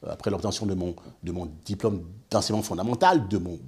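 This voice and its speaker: Husky low-voiced man, hesitant. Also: fast, a little mellow. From France. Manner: hesitant, many fillers and repeated words. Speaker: guest. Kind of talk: measured discussion.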